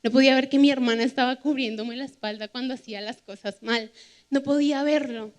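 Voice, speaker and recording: A woman's voice: sits high, steady tone, a little fast. A woman preaching a sermon from a church stage, earnest and emphatic as she shares a personal testimony. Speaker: youth preacher.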